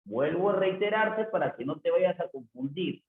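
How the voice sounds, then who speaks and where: A man's voice: on the high side, lively intonation, normal speed. A man teaching a class online, who keeps asking "¿no es cierto?" and acts out his students' questions himself. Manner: repeats the tag "¿no es cierto?" often, voices imagined student questions himself. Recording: echoey room over a tinny phone-like line.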